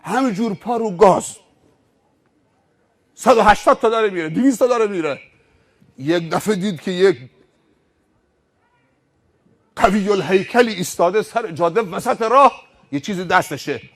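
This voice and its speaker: A man's voice: sits high, pauses often. A male preacher giving a sermon, telling stories with rhetorical questions. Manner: animated storytelling with rhetorical questions.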